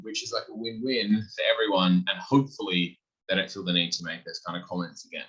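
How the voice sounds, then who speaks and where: A man's voice: lowish voice, slightly rough, rough recording. A young adult man, a guest on a podcast, talking casually and acting out bits of dialogue with animation. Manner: animated, acts out quoted dialogue. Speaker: podcast guest, beverage company founder. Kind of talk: casual conversational interview.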